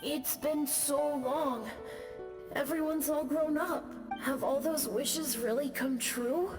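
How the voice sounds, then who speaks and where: A woman voicing the gentle ghost of a young boy, soft-spoken and grateful. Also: high-pitched, slow, over music. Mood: wistful.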